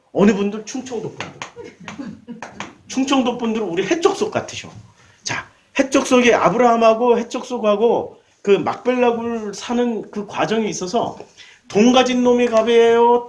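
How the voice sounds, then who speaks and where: Animated, high-voiced male pastor. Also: a little hiss or hum. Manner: animated, conversational, quizzes the congregation. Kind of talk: sermon. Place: church.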